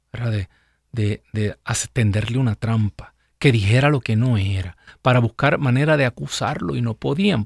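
Man, live radio Bible teacher, conversational, asks rhetorical questions, gravelly voice. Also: mid-range voice, no echo, studio quality. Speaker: radio program host and preacher.

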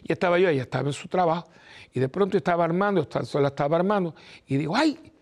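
Gravelly priest telling family stories. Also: male voice, on the high side, rapid-fire, darkish tone. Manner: rambling, acts out family dialogue. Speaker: priest and program host. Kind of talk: casual storytelling talk.

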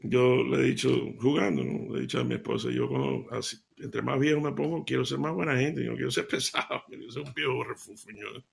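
A man giving a devotional talk, telling stories in an animated way and laughing as he goes. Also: medium pitch, brisk, gravelly, hardly any pauses. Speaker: lay preacher.

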